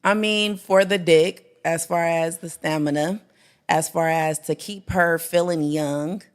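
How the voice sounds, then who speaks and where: As a guest co-host in a casual talk-show chat, a woman talks bluntly and laid-back, laughing readily. Her voice is low-pitched and steady, delivered at a measured pace.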